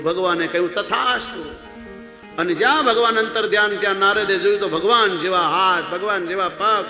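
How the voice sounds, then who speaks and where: A man's voice: high-pitched, sharp tone. A man telling a devotional story as a sermon, exhorting listeners emphatically. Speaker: religious storyteller. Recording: echoey hall with faint music.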